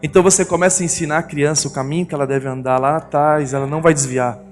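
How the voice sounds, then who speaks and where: A man's voice: on the high side, steady tone, quick pace. A middle-aged man with a Brazilian Portuguese accent, preaching a sermon and telling family stories, acting out the voices of his wife and children. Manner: storytelling, acts out family voices. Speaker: pastor. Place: church hall. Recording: long reverb of a church hall with music.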